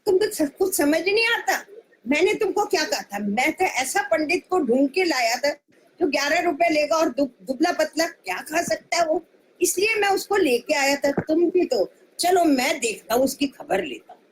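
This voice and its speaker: A woman's voice: sits high, animated, normal speed, slight background noise, voice pushed up, poor audio. A woman voicing a stingy middle-aged merchant man who talks in a fussy, penny-pinching way. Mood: scolding.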